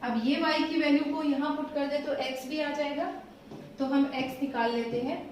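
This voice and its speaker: High-voiced woman teaching math, echoey. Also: fairly even intonation, slight background noise. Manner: patient, reassuring, slows down while writing. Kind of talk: explaining math solutions step by step. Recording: echoey room, voice from a distance.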